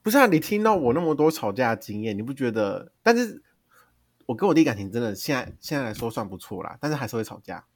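Lively young Taiwanese man telling stories. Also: medium pitch, fast, no echo, studio quality. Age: young adult. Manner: animated storytelling, laughs often, exaggerated tone. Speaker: podcast co-host. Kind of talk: casual chat.

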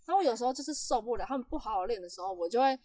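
A woman telling a story in casual chat, animated and laughing often. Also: a little high, rapid-fire. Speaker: podcast host telling a story.

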